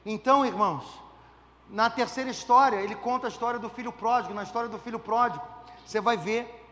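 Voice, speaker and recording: A man's voice: extremely high pitch, fast talker, a bit bright, long reverb tail. A man, a pastor preaching a conversational sermon full of rhetorical questions and humor. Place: church.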